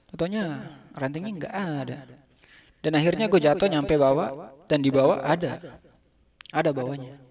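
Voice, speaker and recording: Man with a fairly high voice telling absurd stand-up. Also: normal speed, pauses often, muffled recording. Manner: absurd repetitive storytelling in casual slang; shouts out acted lines of dialogue. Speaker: stand-up comedian. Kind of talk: stand-up comedy monologue.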